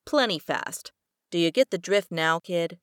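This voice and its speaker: Casting: woman voicing a callous tough-guy male detective, lowish and dry, blunt slang. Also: animated, a little slow, no room sound.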